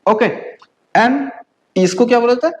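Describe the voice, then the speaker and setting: A woman from India teaching a beginner German lesson. She drills letter sounds slowly and keeps checking that the learners follow. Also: fairly high pitch, a little mellow, rough recording. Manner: patient drilling, frequent "okay?" check-ins, slow spelled-out letters.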